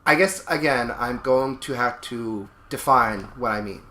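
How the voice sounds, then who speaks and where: Male let's play co-host, forceful bright delivery, emphatic casual opinions, echoey room with faint noise. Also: medium pitch, a little slow. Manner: opinionated, emphatic, repeats and rephrases himself. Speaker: let's play co-host commenting over the game. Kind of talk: casual opinionated chat over gameplay. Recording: roomy echo, faint background noise.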